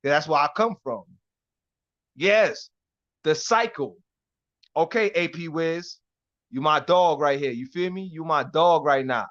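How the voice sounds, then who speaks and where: A man's voice: fairly high pitch, measured pace, pauses often, fairly bright tone, dull audio. Slangy man with a New York–Florida accent. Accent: New York mixed with Florida. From Harlem, New York. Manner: loose street slang, heavy cursing, repeats "you know what I mean". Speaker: live-stream host answering chat. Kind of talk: casual chat.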